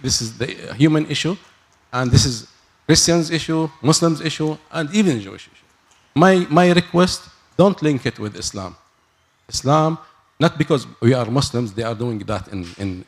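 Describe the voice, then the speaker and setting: Earnest man from Gaza. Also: mid-range voice. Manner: earnest, repeats his point. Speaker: audience member. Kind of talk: community Q&A comment. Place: mosque hall.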